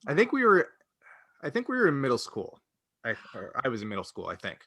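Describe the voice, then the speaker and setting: A man with a mid-range voice whose pitch swoops wildly talks fast and a bit brightly, in studio-quality sound with no room tone. Co-hosting a podcast, he rambles through personal memories, hesitating and interrupting himself repeatedly.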